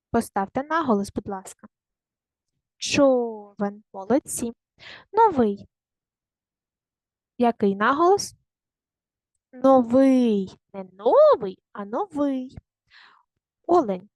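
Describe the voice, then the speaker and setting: A woman teaching a primary school language lesson online, speaking slowly and carefully and repeating words to show their stress. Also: fairly high pitch, no room sound.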